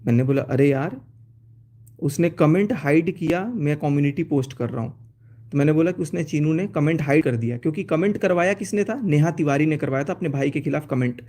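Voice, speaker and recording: Man, live-stream storyteller, aggrieved; pitched a bit high, mellow tone. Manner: aggrieved, reads out chat messages. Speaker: YouTuber showing chats on a live stream. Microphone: phone.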